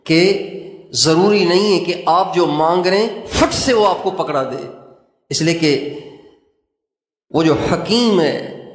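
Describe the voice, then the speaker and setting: Older male preacher, high voice, earnest and pleading, slow chanted supplications; recorded in an echoey hall. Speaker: Islamic preacher. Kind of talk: sermon. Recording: echoey hall with long reverb.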